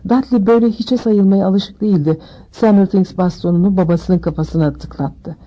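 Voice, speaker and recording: A woman narrating an audiobook in a steady, measured reading. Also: mid-range voice, muffled recording.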